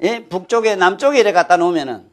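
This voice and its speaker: An older man with a Gyeongsang Korean accent lectures an audience in a folksy way. His voice sits high for a man. He keeps turning to his listeners with quick checks and rhetorical questions. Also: animated. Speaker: folk-culture lecturer.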